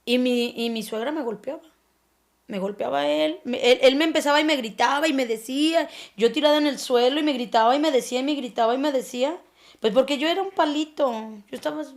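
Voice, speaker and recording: A woman with a Mexican accent gives a personal testimony on a podcast. Her fairly high voice carries a gravelly fry, and she speaks haltingly. She searches for words and lets her sentences trail off softly. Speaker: anonymous guest sharing her story.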